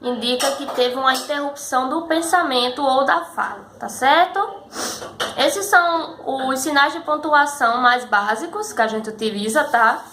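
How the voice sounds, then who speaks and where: A woman teacher explaining a lesson patiently and slowly, often checking that her students follow. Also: high-pitched, bright, forceful tone. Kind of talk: recorded school lesson. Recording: echoey room with faint background noise.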